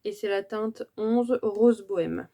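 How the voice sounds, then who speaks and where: Mellow-voiced woman, hesitant. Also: mid-range voice, slow. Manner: hesitant and chatty, many fillers and self-corrections. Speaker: beauty vlogger. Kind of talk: casual unboxing vlog.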